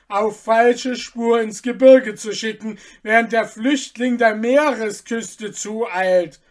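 A woman's voice: a little high, voice pushed up. Woman voicing a furious cruel emperor. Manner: snorting, commanding. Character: angry emperor, man, cruel and imperious. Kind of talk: audiobook reading.

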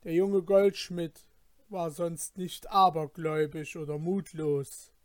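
A man narrating a fairy tale in a measured storytelling manner. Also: fairly high pitch, level tone, darkish tone, dry recording, clean studio sound.

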